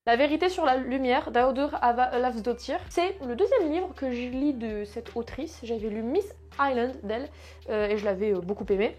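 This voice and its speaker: A young woman in her twenties talks through her year of reading in a loose, chatty vlog. Her voice sits a little high, and she drops slang and teasing asides at herself as she goes. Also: a little mellow. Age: 20s. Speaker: book vlogger. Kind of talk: casual book review vlog.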